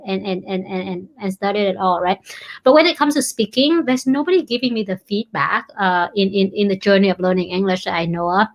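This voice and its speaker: A woman from Vietnam with a Vietnamese accent, a company founder speaking as an interview guest, earnest and often repeating words as she searches for them. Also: medium pitch.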